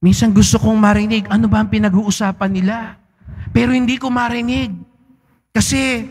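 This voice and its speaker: A man's voice: on the high side, darkish tone. A man, a priest giving a Sunday homily in a large church, speaks conversationally with teasing asides and frequent tag questions. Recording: long church reverb.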